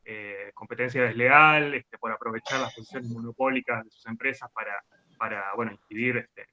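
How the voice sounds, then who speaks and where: A man speaks hesitantly as a panelist, filling pauses often. His voice is very bright and sharp, heard through dull lo-fi call audio. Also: mid-range voice. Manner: hesitant, many fillers. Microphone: video call.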